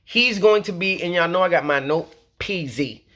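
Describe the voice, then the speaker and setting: A man with a somewhat high-pitched voice runs through his team talk like a fan vlog. He is loose and slangy, full of "okay?" and "you know what I'm saying," building hype as he goes. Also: moderate pace, fairly bright tone. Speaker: sports vlogger. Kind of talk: casual fan commentary.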